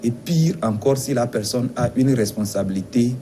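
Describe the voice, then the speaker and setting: A man from Togo representing a teachers' union, answering interview questions in a measured, insistent way with some hesitations. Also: mid-range voice, animated, noisy background.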